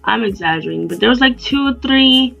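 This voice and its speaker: A young adult woman vlogging a storytime in an animated, casual way, with plenty of swearing. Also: fairly high pitch, fairly quick, gravelly. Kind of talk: storytime vlog. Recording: dull lo-fi sound with faint music.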